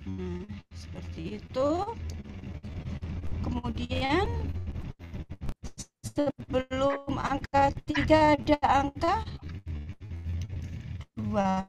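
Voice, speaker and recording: A woman teaching in a recorded video lesson, heard as choppy, slowed playback over a bad connection, counting step by step. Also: a little high, low-quality recording. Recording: faraway screen-shared video with music.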